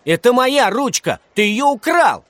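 A man voicing an angry fourth-grade boy who shouts and insists the pen is his. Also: extremely high pitch, expressive, measured pace, dry recording, voice pushed up, full character voice. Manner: shouting, indignant.

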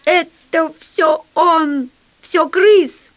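A woman's voice: very high-pitched, very slow, voice pushed up, exaggerated voice. A woman voicing a fat, sniveling coward of a man who squeals and sobs. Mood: shrieking. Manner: squealing, sobbing.

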